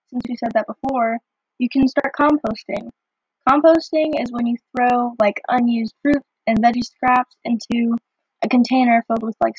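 A woman co-hosts a podcast in a slightly high, husky voice, chatting casually and saying "like" a lot. She comes through a low-quality phone line that sounds muffled and dry. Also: a little mellow, no room sound. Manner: chatty, fills with "like". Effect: low-quality phone recording. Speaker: podcast co-host. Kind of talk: casual scripted podcast chat.

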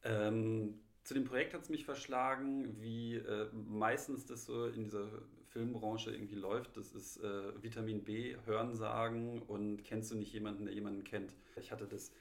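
Man from Munich, interview guest, hesitant, lots of fillers, low gravelly voice, echoey room. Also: level tone. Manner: hesitant, many ums and pauses. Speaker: guest, assistant director. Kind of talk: casual interview answers. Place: host's living room.

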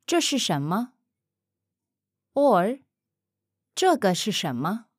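Woman, lively pitch, very slow deliberate delivery, dry close studio sound; model speaker for a language course. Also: slightly rough, no echo. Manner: slow, careful pronunciation, says each phrase twice. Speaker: Mandarin speaker modeling answers. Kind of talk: slow repeated model answers.

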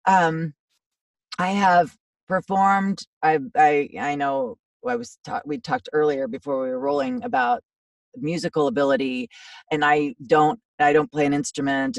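A voiceover actor in her fifties, guesting on a casual podcast interview, talks loosely and at length in a low, raspy, gravelly voice. She's chatty and self-deprecating, laughing at herself as she rambles. She's recorded from a distance, a little back from the mic, in a dry, dead room with no echo.

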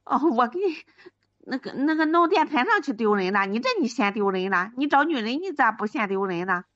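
A woman's voice: on the high side, expressive, brisk, a bit bright, dry recording. Give me a woman playing a whiny, wronged wife in a comic radio skit, in a dry, dull recording. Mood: indignant. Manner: wailing, pleading, whiny. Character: wronged wailing wife of ten years.

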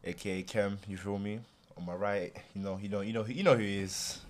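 A man's voice: fairly low pitch, steady tone, brisk. A young man with a London roadman accent hosting a podcast in casual, slangy, streetwise banter, often checking that he is understood. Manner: streetwise, repeatedly checks in with "you feel me". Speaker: podcast host.

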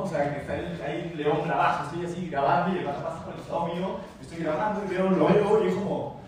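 Male motivational speaker, raised pitch, animated and repetitive, recorded far off in a roomy hall. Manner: animated, repetitive, asks the audience questions. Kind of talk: motivational talk with anecdotes. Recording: very echoey room, mic far off, faint noise.

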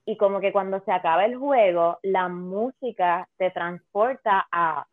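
A woman's voice: medium pitch, unhurried. Spanglish-speaking woman, phone-like sound. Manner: Spanglish, mixing English words into Spanish. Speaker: panelist in a film discussion. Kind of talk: casual chat, film review. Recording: thin, phone-like, roomy sound.

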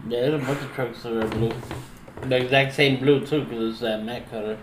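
A man in relaxed conversation with friends, using loose street slang. His voice sits at an ordinary pitch. The room echoes around him and a faint noise runs behind. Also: moderate pace. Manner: loose, streetwise talk, frequent "man" and "you know". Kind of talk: casual chat with friends, heavy slang and swearing. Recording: roomy echo, faint background noise.

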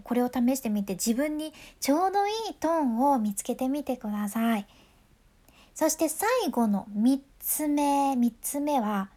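A woman's voice: high-pitched, a little mellow. A woman with a Fukuoka accent giving a chatty, playful voice lesson and acting out example voices. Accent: Fukuoka dialect of Japanese. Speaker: voice coach. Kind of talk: friendly voice lesson.

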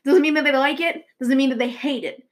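A woman's voice: sits high, brisk. A young woman hosting a casual movie news chat, rambling with many fillers and restarts. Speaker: show host.

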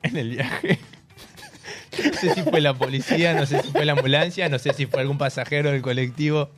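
This is a young man with a Rioplatense accent on a radio talk show. He tells his stories with animated energy and keeps breaking into laughter. A faint music bed plays beneath his voice. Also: a little high, normal speed. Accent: Rioplatense Spanish. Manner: animated storytelling, laughing through it. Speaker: radio co-host. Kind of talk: casual radio chat. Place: radio studio.

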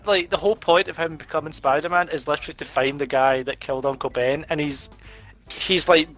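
A man chatting casually over a board game, telling an animated story, laughing often and swearing freely. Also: a little high, fairly quick, soft background music. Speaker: podcast co-host.

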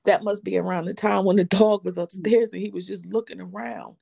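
A middle-aged woman earnestly recounting a personal faith testimony, slow and heartfelt, quoting her own prayers. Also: mid-range voice, steady tone, vocal fry, warm tone, slightly rough, no echo, clean studio sound. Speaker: widow giving a testimony.

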